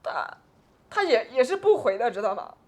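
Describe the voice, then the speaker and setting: A woman's voice: fairly high pitch, sing-song, normal speed, darkish tone. A woman in her forties, an interview guest, telling a painful personal story with agitated, tearful swings between subdued and raised voice.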